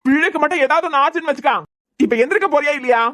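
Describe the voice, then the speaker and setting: Angry cartoon dad voiced by a woman, high-pitched and fast, Kanyakumari accent. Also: a bit bright. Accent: Kanyakumari Tamil. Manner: scolding, raising his voice. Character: angry young husband and father, hot-tempered. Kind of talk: cartoon serial voice acting.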